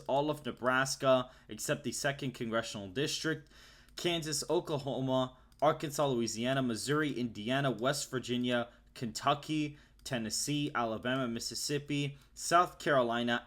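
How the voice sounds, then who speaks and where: Man listing election polls steadily. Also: mid-range voice. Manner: steady list-like delivery reading poll numbers. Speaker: political forecaster host. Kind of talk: election map commentary.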